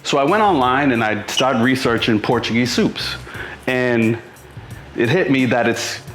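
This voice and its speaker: In a home kitchen, a middle-aged Bostonian walks through a casual cooking demo, his medium-pitched voice fairly bright and unhurried. He chats informally and thinks aloud as music plays, with a roomy echo in the recording.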